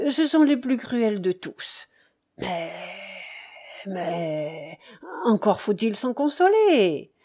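A woman voicing a cheerful, frivolous young French count, with a light and lively tone in an audiobook reading. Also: on the high side, full character voice.

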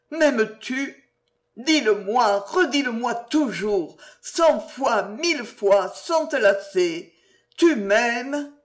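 A woman's voice: fairly high pitch, pitched above the performer's own voice. A reader putting on a young woman in love, tender, trembling and near tears, in a storybook reading.

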